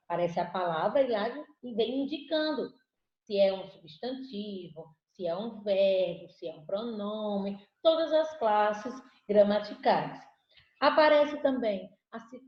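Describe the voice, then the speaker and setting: This Brazilian Portuguese-speaking woman has a mid-range voice with lively intonation, and she talks slowly. Teaching online, she patiently asks her class questions and supplies the answers herself. The sound is lo-fi and dull, recorded in a room with echo.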